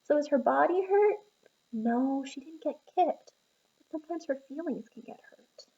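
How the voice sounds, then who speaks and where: A woman teacher reading a picture book aloud to young children, encouraging and pausing to ask them questions. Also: high-pitched, animated, vocal fry, lo-fi sound.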